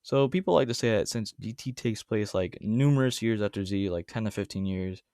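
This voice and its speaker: Rambling, argumentative low-voiced man. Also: fairly quick, a little mellow, no room sound, clean studio sound. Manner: rambling, self-correcting, argumentative. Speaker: YouTube debate commentator. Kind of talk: casual commentary monologue.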